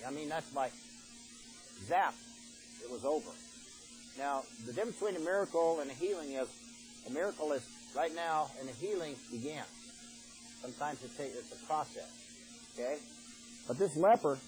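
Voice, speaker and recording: A man's voice: fairly high pitch, poor audio. Folksy older man preaching a sermon. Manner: folksy, reads scripture aloud then explains it plainly.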